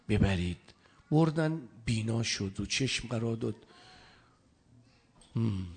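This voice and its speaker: A man's voice: medium pitch, husky. A man giving a sermon, telling a scripture story and quoting Arabic verses between plain talk. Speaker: preacher.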